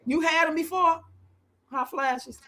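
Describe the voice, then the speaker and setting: A fifty-nine-year-old woman hosts a casual livestream, chatting with viewers in a blunt, outspoken, colloquial way. Her voice is extremely high, bright, and forceful, at a measured pace.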